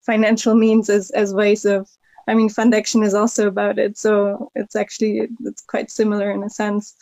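Female panel guest from Hungary, measured and hedging, dry sound. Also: mid-range voice, monotone, mellow, no echo. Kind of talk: panel discussion answer.

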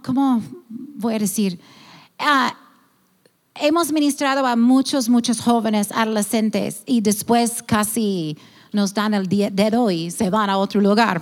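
A woman leading a children's ministry speaks with heartfelt passion, often stopping to search for the right word and restarting her sentences. Her voice sits high, and it rings out with a long reverb, as if recorded in a big hall. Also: slow pace. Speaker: ministry leader of a children's home. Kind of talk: earnest testimony about a church ministry.

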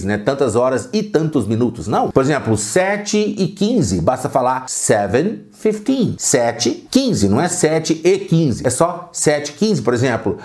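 A man hosting a podcast language lesson, chatty and patient, repeating examples slowly. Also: mid-range voice, a little mellow. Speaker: English teacher and podcast host.

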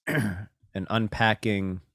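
A man's voice: lowish voice, fairly even intonation, very slow, gravelly, a bit bright, no echo, clean studio sound. A man hosting a casual video call chat, talking in a thoughtful, hedging way with many fillers.

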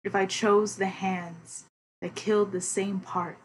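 A woman poet reads her own work in a slow, measured voice and then chats as a guest, bubbly and excitable. A faint hiss sits behind her voice throughout the recording. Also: mid-range voice, poor audio. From Queens, New York. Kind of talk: poetry reading and interview.

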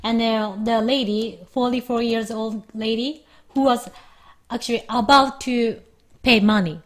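A Japanese woman speaking English with a Japanese accent, co-hosting a casual chat and pausing often to search for words. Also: a little high, steady tone. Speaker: podcast co-host.

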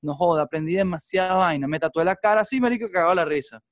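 A man's voice: high voice, very fast, no echo, clean studio sound. A man with a Venezuelan accent, a podcast guest chatting casually and telling stories in an intense, profane way. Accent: Venezuelan Spanish. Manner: intense, profane, animated storytelling. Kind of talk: casual chat.

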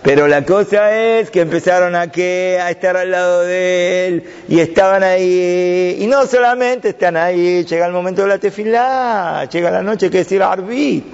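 A man telling a religious story to children, expressive and full of questions to his listeners. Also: normal speed, hardly any pauses, clear, resonant tone. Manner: expressive, wide swings in pitch and pace, asks the listeners questions. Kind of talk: dramatic story narration. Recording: dull sound with long hall reverb.

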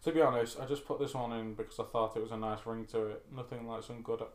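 A man's voice: medium pitch, fairly even intonation, fast, roomy sound. A man co-hosting a podcast in casual banter, reading out would-you-rather questions, swearing freely and laughing often. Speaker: podcast co-host.

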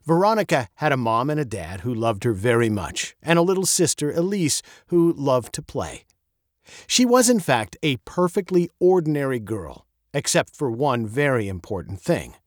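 A man reading a children's chapter book aloud in an expressive, playful storytelling manner. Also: moderate pace, dry recording, clean studio sound. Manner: expressive, playful storyteller with wide pitch swings. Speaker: audiobook narrator. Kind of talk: scripted storybook narration.

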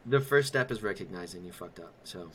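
A man's voice: low-pitched, lively intonation, a little fast, a bit bright, a little hiss or hum. A man co-hosting a podcast, trading dry, mock-serious teasing in casual comedic chat. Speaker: podcast co-host.

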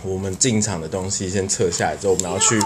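A young man with a Taiwanese Mandarin accent, telling a story as a podcast co-host in casual chat, animated and often laughing. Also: low voice, fast talker, crowd noise.

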